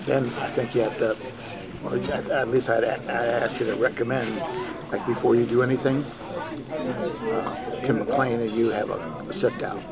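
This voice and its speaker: Recorded on a hidden wire under clothes amid loud restaurant chatter, a man talks business in private. He speaks casually and haltingly, weighing his points as he goes. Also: medium pitch, steady tone. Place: busy restaurant, indoors. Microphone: hidden body wire under clothes.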